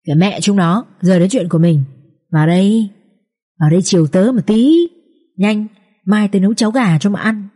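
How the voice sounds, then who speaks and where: A woman's voice: medium pitch, moderate pace, mellow, lightly acted. A woman reading an audiobook voices a crafty, coarse village thief who bosses his wife around in crude, brash banter.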